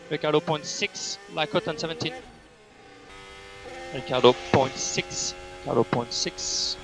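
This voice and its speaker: A man's voice: a little high, low-quality recording. A man working as race engineer, giving terse, repetitive, clipped instructions over race car team radio. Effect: team radio transmission.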